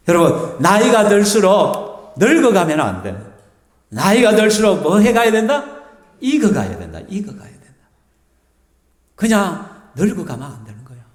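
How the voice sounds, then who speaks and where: Lively Gyeongsang-accented pastor preaching. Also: male voice, on the high side. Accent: Gyeongsang Korean. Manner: lively, conversational, asks the congregation questions. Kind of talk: sermon. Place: church sanctuary. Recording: reverberant church hall.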